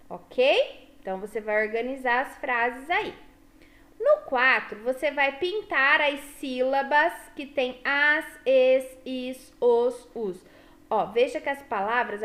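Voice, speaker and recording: Slow, lively Brazilian schoolteacher woman. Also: high voice. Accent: Brazilian Portuguese. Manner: slow, sing-song teacher talk with frequent "tá?" and "ó". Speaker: primary school teacher. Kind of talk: explaining a workbook to young children.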